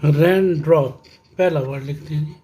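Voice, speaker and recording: A man with a Pakistani accent teaching an English grammar lesson, speaking slowly and repeating key words as he checks whether his students are following. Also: a little high, mellow. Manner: slow, repetitive teaching with frequent "ji" checks; addresses students fondly, reads English text aloud.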